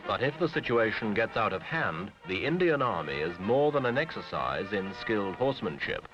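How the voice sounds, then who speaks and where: Old newsreel narrator, male, deep and expressive, grave measured read over music. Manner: grave, measured delivery in short phrases. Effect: old newsreel soundtrack. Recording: dull lo-fi 1970s film sound with music.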